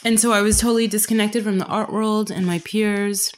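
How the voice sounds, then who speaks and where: A woman's voice: mid-range voice, a little fast, slight background noise. A woman from Canada, a painter, talking casually in an interview and laughing often. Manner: laughs often, relaxed and chatty. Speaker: guest painter.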